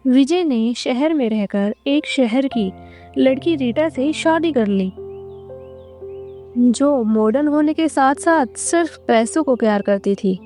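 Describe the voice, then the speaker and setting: A female story narrator reads a scripted tale, taking her time over each line. Her voice is fairly high but very soft and mellow.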